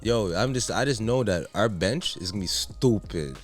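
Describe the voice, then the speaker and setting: A man chatting casually about basketball as co-host, animated and slangy, joking and repeating himself. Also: fairly low pitch, normal speed, faint music behind. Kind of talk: casual sports chat.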